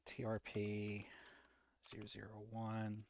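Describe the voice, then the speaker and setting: A man's voice: fairly low pitch, monotone, slow, vocal fry, a little mellow. A man in casual military game chatter, muttering to himself as he works through a task. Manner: muttering to himself while working. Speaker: player working out mortar firing solutions.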